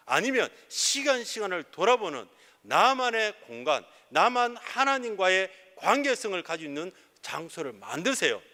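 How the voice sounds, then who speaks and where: A man's voice: sits high, bright, forceful tone. A middle-aged man preaching a sermon as pastor of a church, asking his listeners rhetorical questions and answering them himself. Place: church sanctuary. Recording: reverberant church hall.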